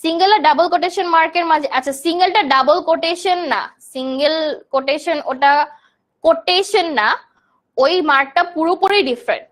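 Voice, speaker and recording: A woman's voice: very high voice, a little fast, fairly bright tone. A young woman from Bangladesh teaching a live online grammar class, explaining terms and answering students' chat questions.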